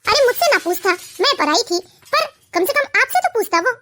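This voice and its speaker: A woman voicing a proud, resentful elder sister-in-law in an animated family cartoon, talking with scornful indignation. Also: very high voice, normal speed, exaggerated voice. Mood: indignant.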